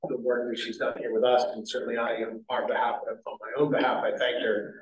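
Rambling board chair in an echoey room. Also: male voice, medium pitch, little pitch movement, brisk. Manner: rambling, many fillers and restarts. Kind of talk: public meeting chairing. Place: city meeting room. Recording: echoey meeting room, distant mic.

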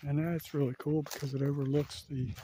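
The recording is low quality with slight background noise, made on a handheld camera as a vlogger walks outdoors through a campground. His mellow, on-the-high-side voice is brisk and flat as he thinks aloud, using many fillers.

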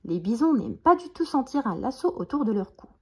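A woman reading a children's bedtime story aloud, gentle and expressive. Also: fairly high pitch, brisk, breathy edge.

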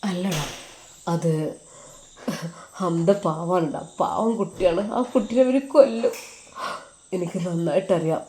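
A woman voicing a lovesick, anxious young man in a storybook tale, speaking softly and tearfully. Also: mid-range voice, normal speed, a little hiss or hum, lightly acted. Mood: sorrowful. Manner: soft, quiet and tearful.

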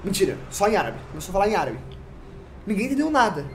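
A man with a Brazilian accent telling a story on a casual podcast, animated, full of slang and sound effects. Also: high voice, fast talker, a little hiss or hum. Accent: Brazilian Portuguese.

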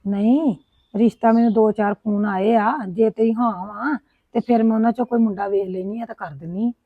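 A woman's voice: fairly high pitch, fairly even intonation, brisk, no room sound. A woman playing a mother who coaxes her daughter about marriage in a homemade family drama. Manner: coaxing, motherly questioning. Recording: tinny, phone-like and dry.

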